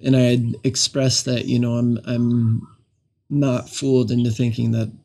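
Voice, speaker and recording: A man telling a personal travel story as an interview guest, thoughtful and unhurried, often saying "you know" and laughing softly. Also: mid-range voice, flat delivery. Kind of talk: casual reflective storytelling.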